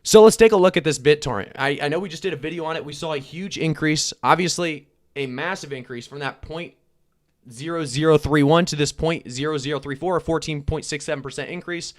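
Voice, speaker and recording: A man's voice: a little high, brisk, no echo, studio quality. A man hosting a casual live stream, chatting with many fillers while reading figures off the screen. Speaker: crypto live stream host.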